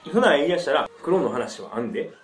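A man's voice: fairly high pitch, big pitch swings, fairly quick. A man with a Kansai Japanese accent, chatting casually in a loose, tipsy drunken way. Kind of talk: casual chat. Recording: echoey room with music. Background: music.

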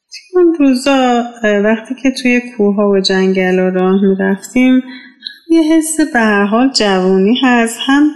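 A woman in her fifties from Iran, telling a personal memory in a relaxed, nostalgic, conversational way. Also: mid-range voice, rough recording. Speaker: storyteller sharing a memory. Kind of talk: casual personal storytelling.

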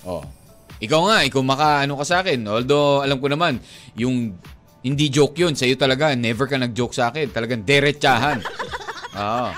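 A man's voice: mid-range voice, normal speed, fairly bright tone, soft background music. A male Filipino radio DJ bantering casually with his co-host, teasing and laughing often, mixing Tagalog and English.

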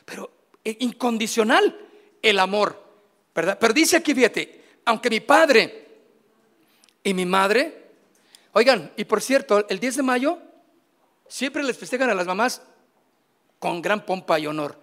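A middle-aged Mexican pastor with a fairly high voice gives a sermon in a casual, chatty way. He keeps throwing questions at his congregation and slips in jokes. The sound carries a long reverb from the church hall. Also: lively intonation, normal speed, pauses often, fairly bright tone. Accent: Mexican Spanish.

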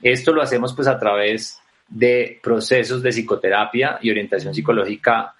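A man answering as an interview guest, explaining his company in a measured, formal way. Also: lowish voice, steady tone, a bit bright.

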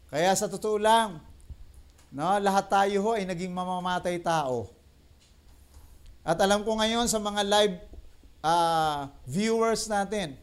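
High-voiced Filipino pastor preaching. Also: male voice, clean tone. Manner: mixes in English, slows and repeats key lines for emphasis. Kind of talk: sermon. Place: livestream.

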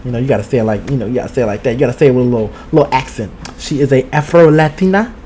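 A man's voice: mid-range voice, racing, dark tone, slight background noise. A man hosting a podcast with a casual gossip chat, sassy and outspoken, swearing freely and talking straight to his listeners while streaming from home. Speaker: podcast host. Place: home studio. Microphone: streaming with two cameras.

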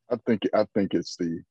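Deep, husky male guest, thoughtful and hedging, heard on a dry, dull line. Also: darkish tone, dry recording. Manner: thoughtful, hesitant, self-qualifying. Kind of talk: casual conversation.

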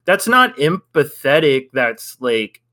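A man's voice: a little high, big pitch swings, slow, sharp tone. A young man co-hosting a podcast, reviewing a film in a rambling, hedging way and laughing often. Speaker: podcast co-host. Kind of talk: casual film review chat.

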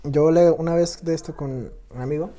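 A man's voice: on the high side, steady tone, brisk, dark tone. A man with a Mexican accent, co-hosting a podcast in a laid-back, slangy, hesitant way. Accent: Mexican Spanish. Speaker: podcast co-host. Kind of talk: casual chat.

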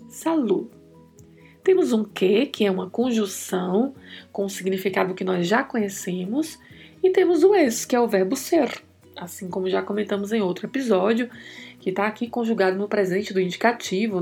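Woman teaching Spanish pronunciation slowly. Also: medium pitch, gravelly, darkish tone, slightly rough. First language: Portuguese. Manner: slow, careful pronunciation drills. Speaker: Spanish teacher and podcast host. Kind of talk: podcast language lesson.

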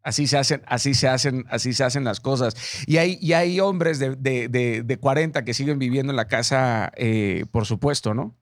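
A man hosting a casual interview, chatty and animated, full of slang. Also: medium pitch, normal speed, hardly any pauses, no echo, clean studio sound. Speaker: interview host.

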